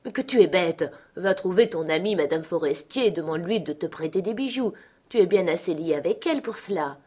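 A woman's voice: medium pitch, normal speed, slightly rough, lightly acted. A woman reading a meek stammering clerk husband. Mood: exasperated. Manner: stammering, hesitant.

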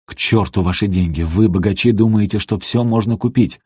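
A man's voice: fairly low pitch, fairly quick, a little mellow, husky, no room sound, studio quality. A man reading an audiobook, voicing an indignant housekeeper who scolds her mistress. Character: angry accusing female housekeeper.

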